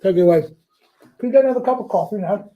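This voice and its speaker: A high-voiced man commentates on a live rugby match. He breaks down the play in a chatty way. He gets excited and shouts at the big moments. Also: racing, phone-quality sound.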